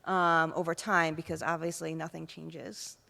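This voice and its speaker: A woman panelist with a lowish voice speaks thoughtfully and loosely, leaning on casual filler phrases. A long hall reverb trails after her words. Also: level tone, measured pace, gravelly, sharp tone. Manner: thoughtful, loose with "you know" and "kind of". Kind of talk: panel discussion remarks.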